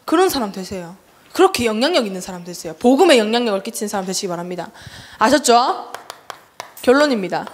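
A young woman evangelist giving a lively, chatty sermon to a children's service, acting out voices and laughing as she tells stories. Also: medium pitch, fast talker. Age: young adult. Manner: chatty and animated, acts out relatives' voices with laughter. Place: church hall.

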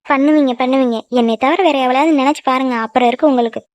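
A woman's voice: high-pitched, steady tone, no room sound, close to an everyday voice. A woman voicing a jealous cartoon girlfriend. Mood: sulky, scolding. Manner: quick, sulky scolding. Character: young woman, jealous quick-tempered girlfriend. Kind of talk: cartoon voice acting.

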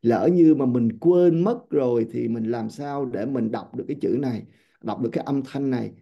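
A man teaching English to a room of adults, lively and often checking with his listeners. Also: mid-range voice, normal speed, vocal fry. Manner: animated, keeps checking with the class. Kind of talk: classroom lecture. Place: classroom or seminar room. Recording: dull lo-fi sound.

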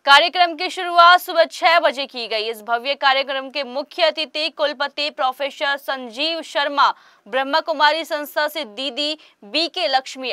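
A woman narrating a news report in a formal, even voice-over. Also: sits high, dry recording, studio quality.

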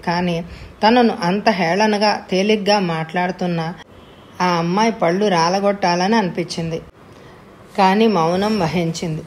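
A woman narrating an audiobook story with a measured, expressive reading. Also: mid-range voice, slight background noise.

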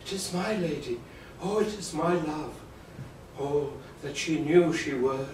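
A man reciting the role of Romeo, a young lover rapt and tender, in soft, hushed verse. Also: on the high side, unhurried, slight background noise, natural voice. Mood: rapturous. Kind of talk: Shakespeare stage recitation. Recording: very echoey room, distant mic.

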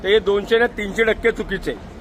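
A man's voice: high voice, quick pace, crowd noise. Angry man questioning officials in the street. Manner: aggressive, interrogating, repeating demands. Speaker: citizen activist confronting officials. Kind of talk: heated street confrontation. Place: outdoors on a busy street. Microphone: phone camera filming live.

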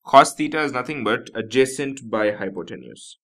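Indian English male math tutor, bright tone, patient explaining with frequent "you know". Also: medium pitch, normal speed. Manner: explanatory, repeats key terms, frequent "nothing but" and "you know". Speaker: math teacher. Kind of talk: whiteboard math lesson.

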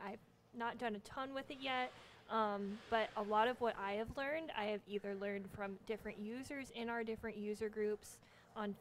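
A young woman co-hosting a workshop, demonstrating software in an easygoing, self-deprecating way with lots of ums. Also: medium pitch, a little hiss or hum. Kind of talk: casual instructional talk.

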